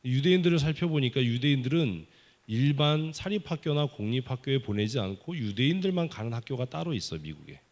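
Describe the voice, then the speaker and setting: A man preaching a children's sermon at a summer Bible school service in a church, playfully teasing and quizzing the kids with quick questions. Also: medium pitch, sing-song, darkish tone. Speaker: pastor. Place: church sanctuary.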